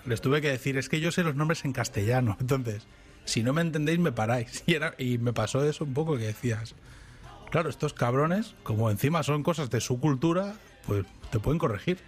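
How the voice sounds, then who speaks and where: Soft music plays under a fast-talking, medium-pitched Spanish man co-hosting a podcast. Chatty by nature, he rambles through lively stories and keeps restarting, all in a casual exchange.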